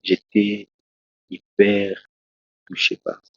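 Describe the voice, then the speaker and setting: A Congolese preacher, a man, tells his testimony in an interview, slowly and haltingly, with many restarts. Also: lowish voice, little pitch movement, gravelly, bright, forceful tone, breathy edge, dry recording. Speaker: preacher, guest. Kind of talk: testimony in a talk show interview. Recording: dull, lo-fi dry sound.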